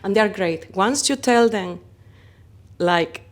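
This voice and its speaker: Slow-paced and mid-range in pitch, a woman from Spain with a Spanish accent discusses her company as its founder in a conference interview. Her delivery is animated and expressive, colored by vivid comparisons.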